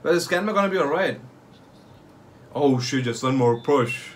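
Young adult male reaction host, somewhat high voice, casual street slang, repetitive excitable exclamations and loose swearing. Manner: casual street slang, like "yo", "fam", "bro", "no cap"; repeats short phrases rapidly, swears freely. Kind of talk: excited live reaction commentary. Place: small bedroom or home room, indoors.

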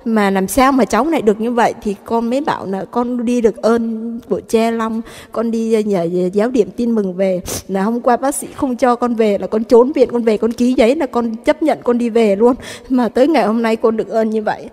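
A woman with a fairly high, mellow voice gives a faith testimony to a priest. She talks humbly and rambles, repeating phrases as she goes. The sound is a long echo in a large hall. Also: moderate pace, hardly any pauses. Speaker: mother giving testimony.

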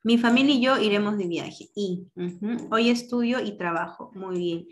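A woman's voice: mid-range voice, moderate pace. Woman teacher, directive online class voice, patient explainer.

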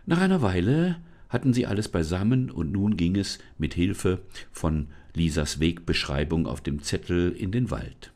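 A man reading a children's storybook aloud in a calm, measured way, with small thinking-aloud asides. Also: low-pitched. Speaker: volunteer children's book reader.

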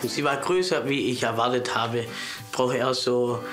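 A man's voice: medium pitch, fairly even intonation, normal speed, music in the background. A man in his thirties with a Swabian accent, hesitant and reserved as a dating show contestant. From southern Germany. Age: 30s. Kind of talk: casual chat and interview.

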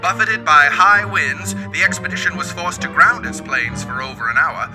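A man reads an old-fashioned newsreel narration in a formal, declamatory announcer's style. His voice sits high and bright in pitch. Music plays clearly under his words. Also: rough recording.

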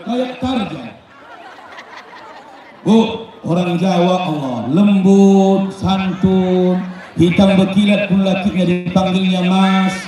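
A man giving a joking moral speech to a crowd, acting out little dialogues and sometimes raising his voice loudly. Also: high-pitched, slow pace. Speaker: speaker at a campaign welcome. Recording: heavy echo, far from the mic, crowd noise.

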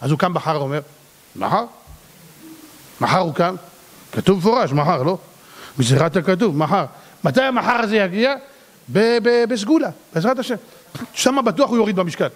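Dramatic high-voiced rabbi in a hall. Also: male voice, lively intonation. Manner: dramatic, swings between cries and low asides. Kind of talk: sermon to a congregation. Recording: long hall reverb.

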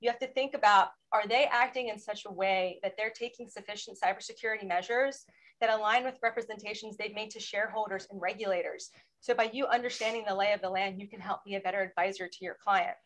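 A woman's voice: mid-range voice, fast talker, low-quality recording. Woman presenting at a webinar. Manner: steady, explanatory, asks for slide changes. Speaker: federal law enforcement panelist.

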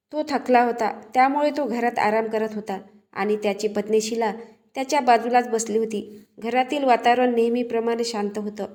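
A woman narrating a true crime story in a steady, scripted storytelling delivery. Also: on the high side.

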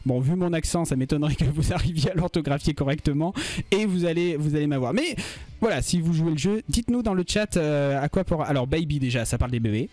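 Man, stream co-host, casual chat, fairly high pitch, quizzes his co-host and viewers, dry recording. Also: expressive, fast talker, a little mellow, dry recording. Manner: frequent fillers and restarts.

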